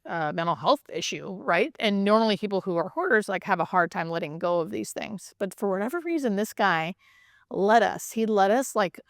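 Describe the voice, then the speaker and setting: A woman's voice: mid-range voice, moderate pace, no room sound. Chatty woman, dry close-sounding voice. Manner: animated, emphatic repetition, frequent check-in questions like "right?". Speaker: hospice nurse, interview guest. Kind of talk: casual conversational explaining and storytelling.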